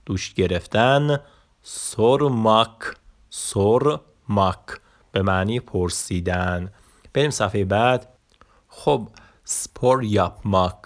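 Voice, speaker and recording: A man teaching a language lesson, pronouncing each word slowly and repeating it, with quick asides in between. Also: sits low. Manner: slow deliberate repetition of each word, then quick asides. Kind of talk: vocabulary lesson, reading words aloud.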